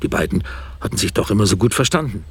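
A middle-aged man telling a haunted first-person story to his wife in a radio drama, hushed and often dropping toward a whisper. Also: fairly low pitch, sing-song, fast, creaky, husky.

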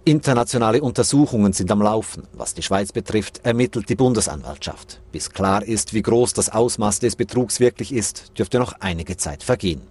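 A man's voice: fairly low pitch, animated, a little fast, few pauses, darkish tone, husky. A male reporter reading a scripted radio news report in a formal way. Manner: formal, narrating.

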